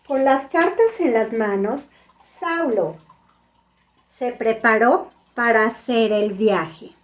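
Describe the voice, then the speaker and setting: Woman, children's Bible lesson, gentle questions, slow, higher voice. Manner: gentle, asks the kids "¿sabes?". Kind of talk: Bible story told to children.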